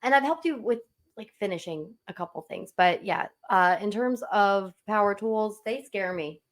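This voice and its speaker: A woman with a South Jersey accent chatting casually on a podcast about her husband's hobby, playful and quick to laugh. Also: medium pitch. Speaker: podcast guest, host's wife. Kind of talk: casual chat.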